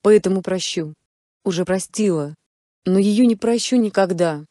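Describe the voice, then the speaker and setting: A woman voicing a young fiancée who is hurt and fierce, sharp when angry. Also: mid-range voice, moderate pace, no echo, clean studio sound, natural voice. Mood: dignified. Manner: cold then furious.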